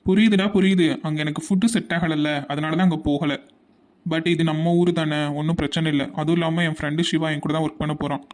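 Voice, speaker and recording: A man's voice: fairly high pitch, steady tone, fast talker, a little mellow, natural voice. A voice actor playing a cheeky, carefree young man who teases his brother in a Tamil cartoon. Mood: breezy. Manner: playful and teasing.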